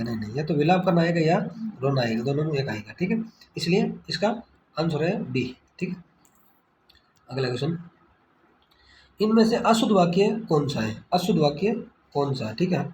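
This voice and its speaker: A man with a fairly high voice tutoring through exam questions. He quizzes himself aloud and repeats each answer, checking in with "okay" over and over. The sound is echoey with a faint hiss, recorded on a phone screen-recorder. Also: a little mellow. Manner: repetitive quiz-style questioning, frequent "ठीक है". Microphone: screen-recorder phone mic.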